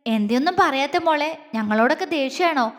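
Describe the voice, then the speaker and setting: A fond, girlish mother-in-law who coddles and mock-scolds by turns, as a woman narrator puts her on. Her voice is high, and a long room reverb hangs after it. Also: animated, fairly quick. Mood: affectionate. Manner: affectionate, mock-stern. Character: affectionate, fun-loving middle-aged mother-in-law.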